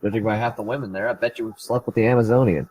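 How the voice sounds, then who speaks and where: A man's voice: fairly low pitch, steady tone, fast talker. A man playing in a tabletop game, making wry jokes in casual talk. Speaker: player. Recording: very noisy quiet mic.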